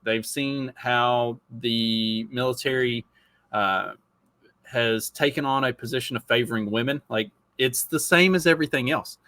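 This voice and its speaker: A man's voice: mid-range voice, measured pace, sharp tone. A man of forty talking in a casual podcast chat, profane and rambling, with many restarts. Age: 40s.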